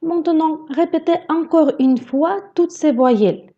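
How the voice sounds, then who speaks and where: A woman teaching Russian vowels in a slow pronunciation lesson, carefully modelling each sound. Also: high voice, dark tone, lo-fi sound.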